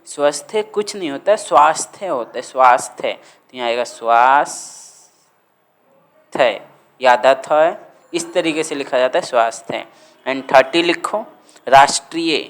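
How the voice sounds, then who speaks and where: A man teaching a grammar lesson, dictating words slowly and repeating them for students to write down. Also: mid-range voice.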